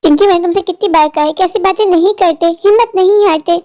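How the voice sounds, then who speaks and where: A woman voicing a worried, loving widowed mother of two daughters in a cartoon story, speaking quickly and pleadingly. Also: very high voice, mellow. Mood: stern.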